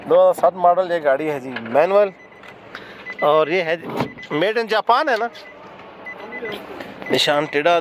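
A man with a fairly high-pitched voice vlogs outdoors at a car market, chatting casually as he shows viewers used cars. Salesman-like, he talks buyers through each vehicle in this casual walkaround. The audio is poor, with a little hiss or hum.

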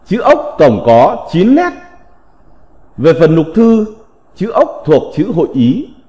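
A man teaching a slow recited vocabulary lesson, reading in a deliberate, measured way with drawn-out syllables. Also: sits high, wildly swooping pitch, mellow. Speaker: teacher of classical characters. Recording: long reverb.

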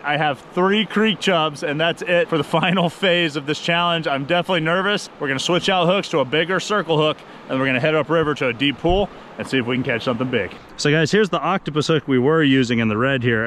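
A man's voice: fairly high pitch, fairly bright tone. A chatty man in his thirties talks straight to his viewers while fishing, upbeat and friendly, calling them guys. He records on an action camera held at arm's length outdoors by a river, with a faint wash of outdoor noise underneath. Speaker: fishing vlogger. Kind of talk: casual vlog narration to camera. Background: rushing river water.

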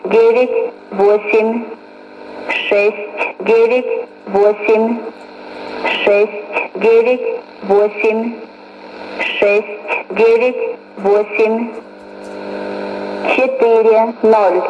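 Woman in a flat numbers-station monotone over shortwave static. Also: a little high, very slow, pauses often, highs cut off. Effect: numbers station monotone, flat machine-like digit reading. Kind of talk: reading out digit groups. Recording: distant shortwave radio with static.

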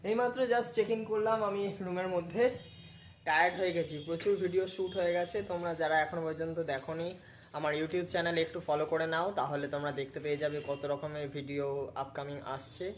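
A man's voice: on the high side, fairly even intonation, quick pace, roomy sound. Man, travel vlogger, casual talk to camera, friendly address to viewers, mixes in English, faint background noise.

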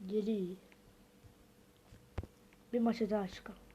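A woman's voice: mid-range voice, fairly even intonation, takes it slowly, warm tone, slight background noise. A woman giving casual gameplay commentary, talking to viewers and muttering reactions as she plays. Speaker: gaming video host.

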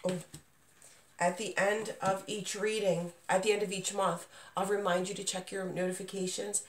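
In a small, dim room, a woman sits at a table giving an off-the-cuff tarot reading for her channel, talking right to the listener in a reassuring way. Her voice sits at a medium pitch with little movement and a moderate pace, still a bit weak as she recovers from illness. The audio echoes around the room, picked up by a distant mic.

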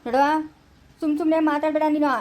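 Fast demanding threatening woman. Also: high-pitched, steady tone, dark tone. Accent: Chikkaballapura Kannada. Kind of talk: family drama acting.

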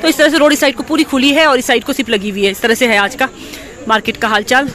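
A woman's voice: sits high, steady tone, fast talker, fairly bright tone. A woman walking through an outdoor market and vlogging on a handheld phone. She talks casually, repeats herself and corrects herself as she goes. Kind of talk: walking market tour vlog. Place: busy outdoor hill-town market. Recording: crowd noise from a busy street. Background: crowd chatter.

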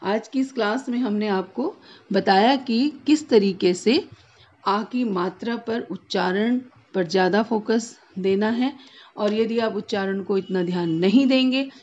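A woman teaches a children's language lesson, saying each word twice and stretching it out for emphasis. She speaks at a slow, patient pace. The recording sounds somewhat dull and lo-fi. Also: medium pitch, darkish tone. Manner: drawn-out, emphatic word repetition.

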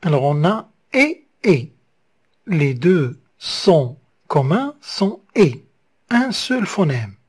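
Slow, husky teacher. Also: mid-range voice, very animated, darkish tone. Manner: spells out syllables one by one, dictating pace. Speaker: French literature teacher. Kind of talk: slow step-by-step lesson on verse.

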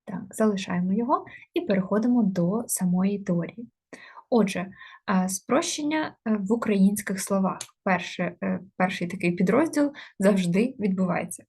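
A woman teaching an exam-prep grammar lesson with a slightly husky, breathy voice. She explains step by step, often pausing on hesitations as she works through examples. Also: mid-range voice, a little mellow. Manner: explains step by step with many fillers.

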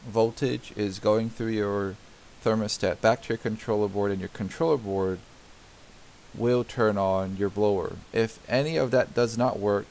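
A DIY home repair tutor with a lowish, gravelly, darkish voice talks through a repair over a diagram. His unscripted, screen-recorded explanation is patient and step by step, full of fillers and restarted sentences, with a faint hiss underneath.

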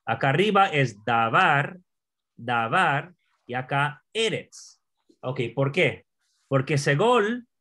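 Man, tutor, slow, fairly high voice, repeats words, asks questions. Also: a bit bright. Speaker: Hebrew teacher. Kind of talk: patient classroom explanation.

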